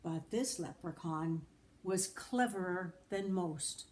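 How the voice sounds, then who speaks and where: A woman gives an expressive storyteller's reading of a children's folktale, adding dramatic emphasis and asides for her listeners. Her fairly low, slightly mellow voice moves slowly, and a faint hiss or hum can be heard.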